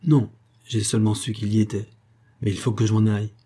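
A young officer in an audiobook, wounded and bitter, speaking gravely and with measured weight that turns harsh, as a man reads him in a low voice. The sound is dark and husky throughout. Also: little pitch movement.

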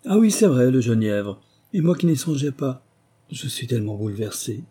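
A man's voice: medium pitch, expressive, normal speed, warm tone, breathy edge, pitched above the performer's own voice. A man voicing a commanding, pompous plantation manager, as in an audiobook.

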